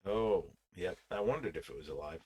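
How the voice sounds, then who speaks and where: Deep, husky man playing a tabletop game. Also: animated, a little fast, darkish tone. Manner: hesitant, with many fillers and easy laughter. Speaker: player. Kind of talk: casual tabletop game play.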